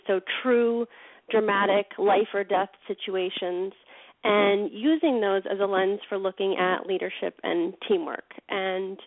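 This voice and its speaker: A woman's voice: mid-range voice, no room sound. A woman speaking as a leadership consultant guest in a radio interview, explaining her work enthusiastically. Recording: dry, tinny phone line.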